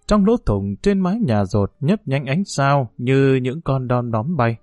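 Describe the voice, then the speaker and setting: A man narrating a novel in a steady, unhurried storytelling manner. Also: medium pitch, no echo. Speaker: audiobook narrator.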